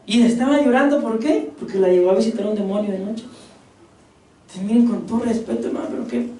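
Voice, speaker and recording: A woman's voice: fairly high pitch, fast talker, mellow, a little hiss or hum. A woman preaching a sermon, firing rhetorical questions and calling the congregation her beloved brothers. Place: church hall. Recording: echoey hall, voice from far off.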